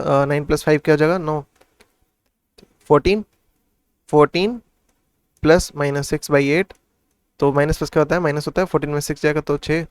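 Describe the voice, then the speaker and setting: A man's voice: fairly high pitch, clear, resonant tone, no room sound. A man tutoring maths in casual Hindi mixed with English, working sums aloud and asking and answering his own questions. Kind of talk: casual classroom explanation.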